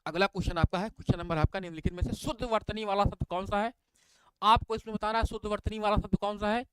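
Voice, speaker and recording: A man's voice: high-pitched, fairly even intonation, fast talker, fairly bright tone, smooth, no room sound. A man teaching an online exam-prep class, reading out spelling questions and options, often asking "what is it?" and praising viewers by name. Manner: repetitive questioning, addresses viewers as bhaiya.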